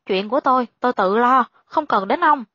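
A woman voicing a frightened, sharp-tongued widowed mother in a storybook, with tense, clipped speech. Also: fairly high pitch, lively intonation, normal speed, no room sound, muffled recording. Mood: curt.

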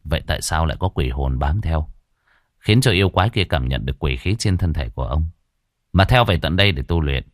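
A man's voice: extremely low pitch, lively intonation, brisk, no echo, studio quality, pitched below the performer's own voice. A man playing a stern, commanding exorcist master who questions people bluntly and firmly. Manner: firm, interrogating, direct.

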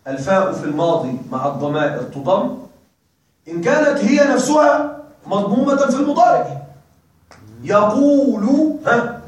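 A man with a high voice teaches a grammar class, drilling his students call-and-response style and prompting them to complete each word. He sounds distant from the microphone, and the room rings with strong echo. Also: a little fast. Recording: very echoey room, voice far from mic.

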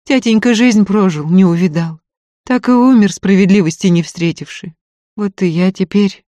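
A proud young woman of peasant stock, tearful but stubborn, with simple country turns of phrase, as a reader puts her on. Her lines sit higher and livelier than the narration, read into a dry, close microphone. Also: normal speed, mellow, no room sound, close to an everyday voice. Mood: bitter. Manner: folksy, plain-spoken, pleading then scolding. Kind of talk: audiobook character voice.

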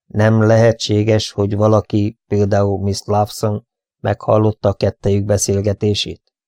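A man doing a dry, measured detective. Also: on the low side, completely flat delivery, mellow, no room sound, lightly acted.

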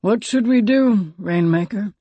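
A woman reading an audiobook, voicing a solemn, slow-speaking old man who serves as a guide. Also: mid-range voice, dark tone, breathy edge, no echo, lo-fi sound. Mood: grave.

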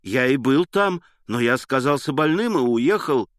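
Man doing a high, pushy-loud young lover, earnest and flustered, audiobook. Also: lively intonation, unhurried, no echo, clean studio sound, natural voice. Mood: excited pleading. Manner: eager, breathless protesting. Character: excitable, earnest young man pleading innocence.

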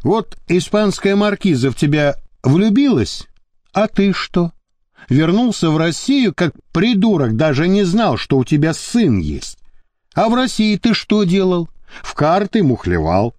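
A man's voice: sits high, very animated, measured pace, a little mellow, no echo, pitched above the performer's own voice. A man voicing a sardonic male henchman in an audiobook, lecturing in a mocking tone.

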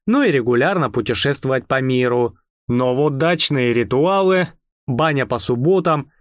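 A man narrating a first-person audiobook in a calm, wry, even manner. His voice sits in a middle register. The studio recording is close and dry. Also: medium pitch, dry recording.

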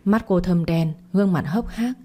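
A woman's voice: lowish voice, normal speed, mellow. A woman reading a dramatic family story aloud, voicing every character herself. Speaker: narrator. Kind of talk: storytelling narration with dialogue.

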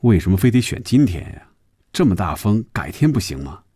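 A man voicing a brisk, teasing young man. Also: low voice, expressive, a little mellow, no room sound, studio quality. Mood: impatient, teasing. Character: young man, impatient but softhearted. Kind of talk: storybook radio reading.

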